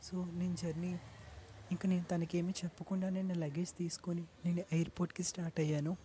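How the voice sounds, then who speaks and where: A young woman with a low-set, mellow voice narrates her own life story. She speaks earnestly and from the heart, like a confession. She drops English words into her sentences. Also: little pitch movement, a little fast, a little hiss or hum. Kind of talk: first-person personal story narration.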